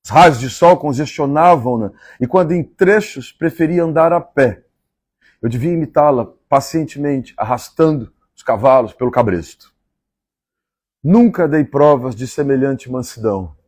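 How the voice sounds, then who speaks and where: A man from Minas Gerais with a Mineiro Brazilian accent, reading a novel aloud on a live stream and pausing for chatty asides. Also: medium pitch, lively intonation, darkish tone, breathy edge, no echo. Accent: Mineiro Brazilian Portuguese. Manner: measured, repeats favorite lines and chats between passages.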